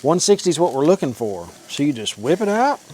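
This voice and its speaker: Cooking at home for his vlog, a man addresses the camera in a relaxed, folksy, informal way, his voice on the high side, very animated, brisk and darkish in tone. Food sizzles on a grill, clearly audible throughout.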